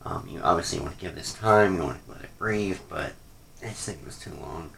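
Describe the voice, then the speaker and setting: A man's voice: low voice, a little fast, gravelly, fairly bright tone, a little hiss or hum. A man giving a casual, off-the-cuff rant review, rambling and hesitant, often trailing off, with a critical, unimpressed manner. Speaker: wrestling pay-per-view reviewer.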